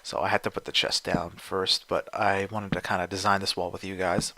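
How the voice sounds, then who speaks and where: Young man, gameplay commentary, lowish voice, rambling with fillers, close dry sound. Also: little pitch movement, fairly quick, creaky, bright, forceful tone, dry recording. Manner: rambling and thinking aloud, with frequent fillers. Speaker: gameplay video host. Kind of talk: casual commentary while building in a game.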